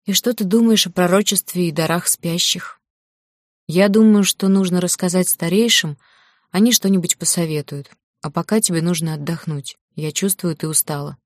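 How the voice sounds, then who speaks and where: A woman's voice: fairly low pitch, normal speed, no room sound, studio quality, lightly acted. A woman voicing a loyal young male dragon, tired and caring, in a fantasy audiobook. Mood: weary caring. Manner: weary, reproachful, caring.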